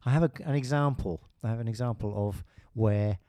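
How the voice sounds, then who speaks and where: A man's voice: medium pitch, fairly quick, warm tone, no echo, studio quality. A middle-aged British man talking in a casual podcast conversation, hesitant with many restarts and fillers. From Britain.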